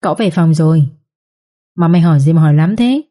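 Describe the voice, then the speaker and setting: A woman voicing a sly, sharp-tongued young maid who mocks her rival, in a read-aloud story. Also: low voice, expressive, quick pace. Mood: mocking.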